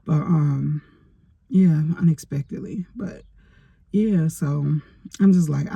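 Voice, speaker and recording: A woman's voice: deep voice, gravelly, mellow, breathy edge, no echo, highs cut off. A middle-aged woman chatting casually in a rambling storytime vlog, filled with fillers, recorded on a phone in her parked car. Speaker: vlogger.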